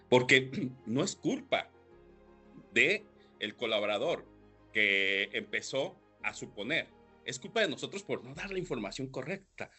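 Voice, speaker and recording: A man hosting a leadership podcast, explaining points with rhetorical questions and frequent throat clearing. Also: medium pitch, bright, forceful tone. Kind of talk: solo podcast talk.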